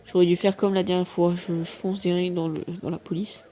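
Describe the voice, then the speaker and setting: A man's voice: sits high, level tone, brisk, warm tone, slight background noise. A man giving casual commentary over his mobile gameplay, rambling and poking fun at himself, recorded on a phone microphone. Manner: rambling, self-mocking, many fillers. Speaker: mobile game YouTuber. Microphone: phone microphone during screen recording.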